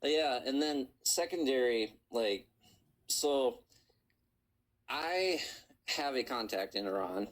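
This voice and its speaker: A man calling in to a live stream, talking in a rambling, halting way with many restarts. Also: mid-range voice, expressive, poor audio. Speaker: caller. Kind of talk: casual call-in chat.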